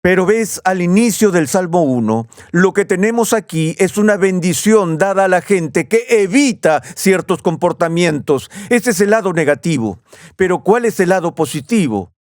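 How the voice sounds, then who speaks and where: A man preaching a sermon in a measured teaching tone, slowing down to stress key phrases. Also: sits high, animated, no echo, clean studio sound.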